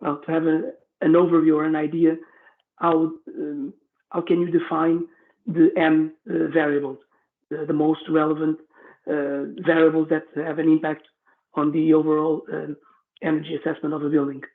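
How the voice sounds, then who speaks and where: A man on a tinny phone line, asking a careful, halting question in an online Q&A. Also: on the high side, monotone. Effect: heard over a phone line. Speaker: audience member asking a question.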